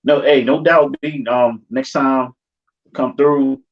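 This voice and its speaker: A man's voice: medium pitch, steady tone, slow. An American man chatting casually and informally in slang as the host of a livestream. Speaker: livestream host of a YouTube channel. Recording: dull, lo-fi stream audio.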